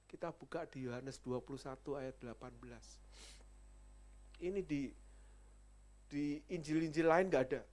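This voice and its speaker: A male evangelist preaching a sermon, emphatic, with loud peaks and soft asides to the congregation. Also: a little high.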